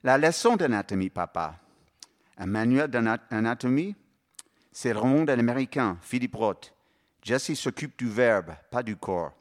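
A man's voice: medium pitch, lively intonation, unhurried, lightly acted. A man voicing an exasperated young woman who protests and corrects her father. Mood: protesting. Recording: reverberant hall.

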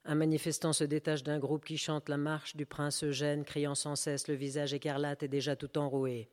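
A man reading a play aloud, giving the stage directions in an even, matter-of-fact way. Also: a little high, normal speed, long reverb tail. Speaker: reader of a play.

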